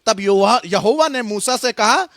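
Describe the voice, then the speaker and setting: A male pastor preaching a sermon, telling stories with lively acted dialogue and reading scripture aloud. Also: high-pitched, normal speed, no room sound, clean studio sound. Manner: animated storytelling preacher, voices animals and God in dialogue. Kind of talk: Hindi sermon.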